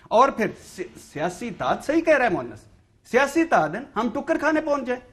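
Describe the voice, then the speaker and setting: A man's voice: very high-pitched, sing-song, fairly bright tone, husky. A man, a journalist guest on a talk show, arguing heatedly and firing repeated rhetorical questions.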